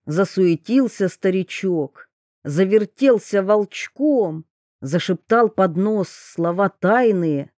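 Measured female audiobook reader for a dark fairy tale, slow and warm. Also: mid-range voice, no room sound, clean studio sound. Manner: measured, storytelling. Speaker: audiobook narrator.

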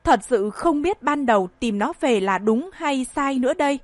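A woman's voice: high-pitched, animated, moderate pace, dry recording. A woman reading an audiobook voices a stern, disappointed old grandfather who scolds and sighs. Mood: weary. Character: stern old grandfather, head of a rich family.

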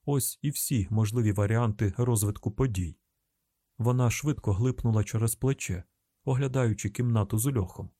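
A man with a Ukrainian accent narrating an audiobook in a tense, measured storytelling manner. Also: on the low side, warm tone, dry recording, studio quality. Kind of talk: scripted narration.

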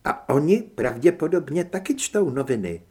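A man reading an audiobook, voicing a sharp, practical young woman who edits a newspaper. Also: fairly high pitch, sing-song, husky. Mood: gentle.

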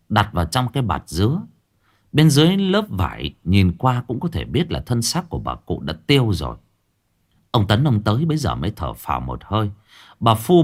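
A man narrating a ghost story in a dramatic, vividly expressive style. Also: on the low side.

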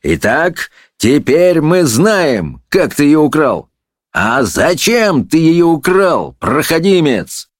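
A man performs a blustering fairy-tale judge who bellows at the accused in a raised, strained pitch, stretching every insult out slowly. He is loud, self-important and bullying. The sound is close and completely dry. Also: very animated, no echo, full character voice. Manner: roaring, bullying, drawn-out shouts. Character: blustering pompous male judge.

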